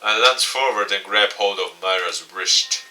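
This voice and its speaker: A man's voice: on the low side, unhurried, bright, forceful tone, far from the mic, soft background music, rough recording. A man reading a visual novel aloud in a goofy, dramatic let's-play style with joking asides.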